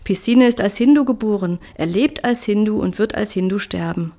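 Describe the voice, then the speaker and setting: Haughty male pandit, as a woman reader puts him on, sharp-tongued, storybook. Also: mid-range voice, moderate pace, close to an everyday voice. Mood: emphatic. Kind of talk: audiobook character voice.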